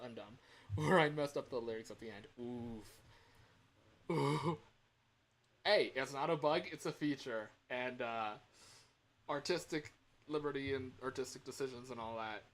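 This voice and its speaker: At an ordinary mid pitch, a livestreamer recording game voice lines rambles casually and pokes fun at himself. A faint, steady fan hum lies beneath his voice.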